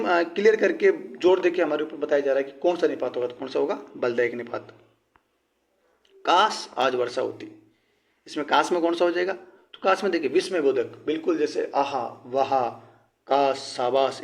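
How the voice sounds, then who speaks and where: A man teaching a Hindi grammar lesson for exam prep. He explains step by step, asks his own questions and answers them, and his voice drops low and quiet at the end of each answer.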